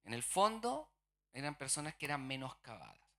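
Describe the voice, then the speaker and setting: This preacher's sermon has a sing-song quality, delivered at normal speed in a bright, forceful voice of middle pitch. Questions go out to the congregation again and again, each followed by an answer.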